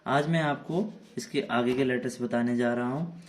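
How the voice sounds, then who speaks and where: A man's voice: mid-range voice, normal speed. A man with a mid-range voice teaches to children in a plain classroom manner. He spells words out letter by letter and keeps asking and answering his own questions. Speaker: English teacher.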